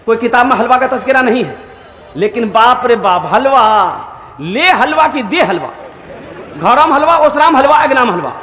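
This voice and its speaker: A man's voice: extremely high pitch, animated, moderate pace, sharp tone, roomy sound. A man, a maulana, preaching a humorous sermon full of acted anecdotes and dialect voices. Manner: storytelling, voices characters in dialect.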